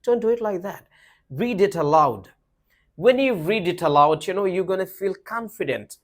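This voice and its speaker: Emphatic teacher, lively pitch. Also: male voice, normal speed. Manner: emphatic, repeats points, asks rhetorical questions. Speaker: English teacher. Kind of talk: spoken English lesson to camera.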